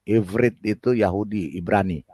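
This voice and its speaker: A man's voice: lowish voice, normal speed, warm tone, husky, dry recording. A man hosting a live online debate, pressing his guest with repeated questions and laughing often. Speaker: host.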